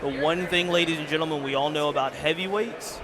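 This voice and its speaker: A man giving live boxing play-by-play, measured and speaking directly to the audience. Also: on the high side, noisy background. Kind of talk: live sports commentary. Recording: loud music and crowd behind.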